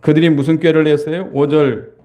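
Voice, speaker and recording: A man's voice: on the high side, flat delivery, fairly quick, mellow. An older man, a pastor, preaching a sermon, asking the congregation questions and answering them himself, sometimes acting out frightened crowds in a raised voice.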